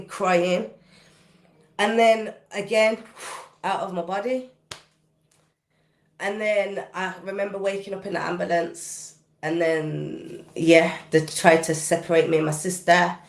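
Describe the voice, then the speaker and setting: With a mid-range voice, level in tone and a little slow, a British woman recounts a personal story during a podcast interview, where she's the guest recording artist. The retelling is vivid, intense and casual, marked by casual dialect grammar. The recording has reverb.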